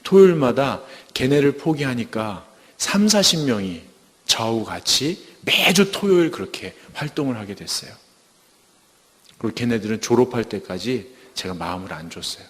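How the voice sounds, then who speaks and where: Man preaching, lively storyteller, middle-pitched voice, long church-hall reverb. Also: normal speed. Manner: lively storytelling, acting out quoted shouts. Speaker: church youth minister giving testimony. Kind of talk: storytelling sermon. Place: church service.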